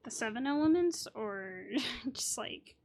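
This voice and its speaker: A woman's voice: a little high, expressive, unhurried. A woman casually commenting while playing a video game, playful and giggly with joking asides, game audio behind her. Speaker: gaming streamer. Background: game soundtrack.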